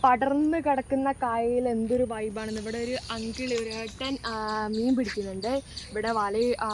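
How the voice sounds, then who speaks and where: Speaking in a slightly high voice, a travel vlogger from Wayanad, Kerala, India, with a northern Kerala Malayali accent talks casually and enthusiastically to her viewers, blending English words into Malayalam. She's outdoors by backwaters, paddy fields and on a canoe, and the recording is noisy with ambient sound.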